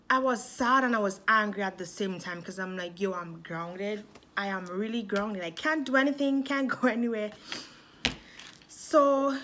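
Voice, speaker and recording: A young woman from Dominica with a Dominican accent, telling a personal story to her viewers in a chatty, animated vlog. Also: mid-range voice, slight background noise. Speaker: vlogger.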